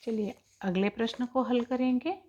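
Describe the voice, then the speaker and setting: A woman teaching young children in an online class lesson, explaining each point slowly and patiently. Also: on the high side, steady tone, mellow, lo-fi sound. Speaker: school teacher.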